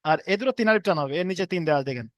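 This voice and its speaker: A man's voice: a little high, animated, very fast, no room sound. A man teaching an online class, patiently repeating and drilling each letter sound for his students.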